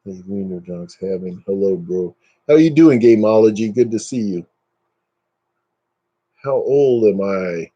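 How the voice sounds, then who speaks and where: A man in his fifties chats through a live stream with a relaxed, mellow voice that sits a little low. He jokes easily and pokes fun at himself as he goes. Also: a little slow, pauses often, dull audio. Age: 50s. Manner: joking, self-mocking, chatty. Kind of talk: casual live-stream chat.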